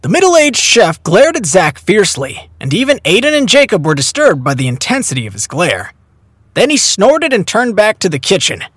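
A man narrating a story in an animated, storytelling way. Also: sits high, moderate pace, slightly rough, dry recording. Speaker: audiobook narrator. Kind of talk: scripted narration. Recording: dry close recording, faint music.

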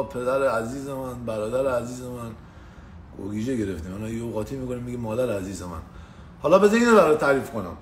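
A man casually telling a story on a live stream, slangy and swearing, greeting viewers by name. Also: on the high side. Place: indoors in the US. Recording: echoey room with faint ambient noise.

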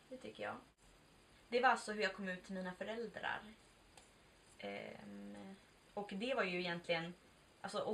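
A woman's voice: medium pitch, a bit bright. Candid young woman telling a story. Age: 20s. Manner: chatty and candid, swears, acts out quoted dialogue. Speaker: vlogger. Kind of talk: casual confessional storytelling. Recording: distant mic with faint background noise.

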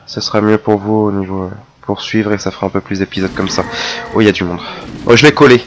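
A man giving casual, chatty commentary over his own gameplay, excitable and quick to mock himself. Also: low voice, background noise. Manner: chatty, self-mocking, excitable. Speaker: let's play gamer.

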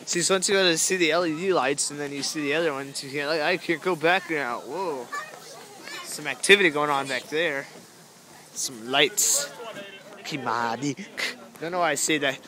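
Walking through a zoo light show after dark, a young vlogger chatters along, rambling and quick to laugh, while holding a handheld camera. His fairly high voice is bright and forceful, at a normal speed. Crowd chatter and outdoor noise fill the noisy recording.

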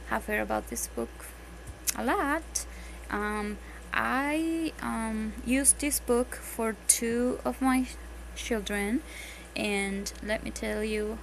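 Speaking with a Spanish accent, this homeschooling mom from a Spanish-speaking country, a native Spanish speaker, has a gravelly, rather high voice. She gives earnest, casual vlog tips at a table inside her home, often saying um and restarting. The audio is poor, with noticeable background noise.

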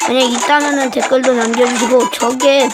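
A high-pitched woman reacts casually to videos as host, trying not to laugh as she chats to viewers. Music plays behind her. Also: fairly even intonation, a little fast.

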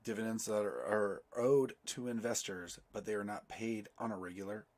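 A man with a hoarse voice from a cold, hosting a casual finance video and reading an article aloud with chatty asides. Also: fairly low pitch, normal speed, darkish tone. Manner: loose and chatty, with many fillers and asides. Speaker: personal finance video host.

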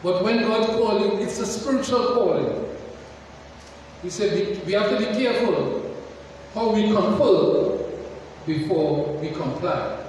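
A man preaching a slow, deliberate sermon in a high voice, stopping often to ask his congregation questions. He is picked up from far off in a large church hall, where a long, heavy echo trails after every phrase. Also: darkish tone, a little hiss or hum.

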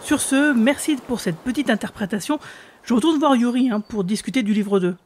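A podcast host talking casually about a TV series, relaxed and chatty. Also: mid-range voice, fairly quick, slight background noise.

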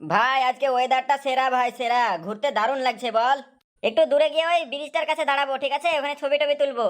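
A woman's voice: high voice, steady tone, fast, close to an everyday voice. Woman voicing a cocky young chief's son. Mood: pushy. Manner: brash and pushy.

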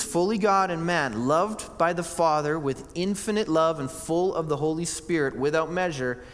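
A male pastor preaching a sermon in an earnest, conversational way, often restarting his sentences. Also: a little high. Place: church sanctuary. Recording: church hall reverb.

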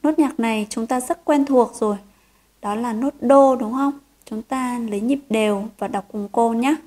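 A woman teaching a children's piano lesson, gentle and encouraging, counting beats and singing note names. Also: on the high side, normal speed.

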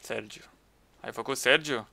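A man commenting on a Minecraft match with friends, excitable, shouting at teammates and laughing. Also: mid-range voice, creaky. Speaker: gaming YouTuber.

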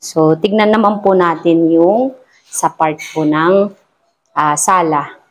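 A middle-aged woman with a fairly low-pitched voice gives a polite, slow-paced tour of her house under renovation. She courteously guides the viewer from room to room in a walkthrough narration.

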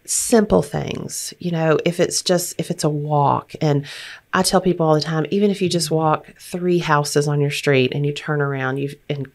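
A woman's voice: low voice, normal speed. A woman talking as a grief counselor and podcast host, explaining things supportively in a conversational discussion.

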